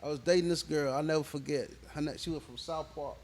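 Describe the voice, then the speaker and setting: Man, rapper guest, relaxed slang-filled storytelling, voice a bit higher than most men. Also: quick pace. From born in Nigeria, raised in Houston, Texas. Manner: laid-back, slang-heavy, keeps checking in with the listener. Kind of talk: casual interview storytelling.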